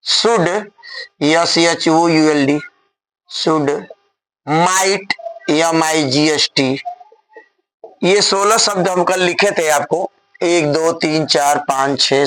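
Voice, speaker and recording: A male teacher gives a blackboard grammar lesson, spelling every word out letter by letter. His voice sits a little high and he talks very slowly, pausing so students can copy. The recording is close and dry. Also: a bit bright, no echo, rough recording. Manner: spells words out letter by letter, speaks slowly for dictation. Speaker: English teacher.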